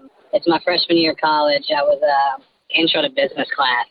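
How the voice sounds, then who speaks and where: A man's voice: fairly high pitch, big pitch swings, a little fast, vocal fry, no room sound. Man's voice warped by a voice changer. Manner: sheepish, self-conscious storytelling. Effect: voice changer disguising his voice. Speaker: radio show caller. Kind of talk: anonymous phone-in confession, casual storytelling. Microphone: telephone. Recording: lo-fi phone line.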